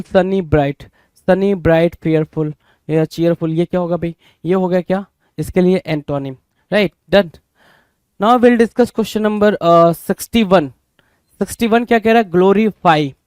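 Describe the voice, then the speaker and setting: High-voiced teacher, dry close sound. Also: male voice, a little mellow, smooth, dry recording. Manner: repeats questions to the class, addresses viewers as bhai. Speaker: vocabulary teacher. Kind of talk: Hinglish exam-prep lesson.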